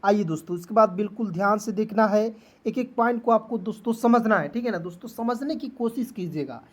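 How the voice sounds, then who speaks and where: Female tutor, patient beginner phonics lesson, repeats and checks in often. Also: mid-range voice. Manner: spells words letter by letter, then stretches them out slowly; repetitive, checks in with "clear?" and "okay". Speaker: English teacher.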